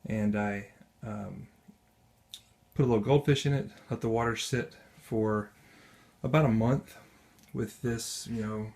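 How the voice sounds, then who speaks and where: Male hobbyist, low gravelly voice, loose off-camera vlog commentary, halting and self-correcting, home bedroom on a camera mic. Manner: relaxed, halting, with many restarts and self-corrections. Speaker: aquarium hobbyist. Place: spare upstairs bedroom at home.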